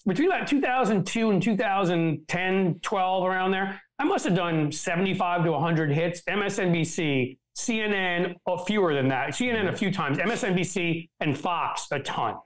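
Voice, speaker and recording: A man's voice: high-pitched, expressive, normal speed, few pauses, rough recording. A middle-aged man, a political strategist on a show, talking in a blunt, profane, joking way in casual political chat.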